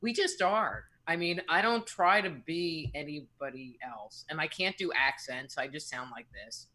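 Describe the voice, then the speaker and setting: A woman's voice: deep voice, expressive, unhurried, bright, forceful tone. A woman co-hosting live radio in casual chat, talking in a reflective, rambling way with frequent restarts. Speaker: radio show co-host.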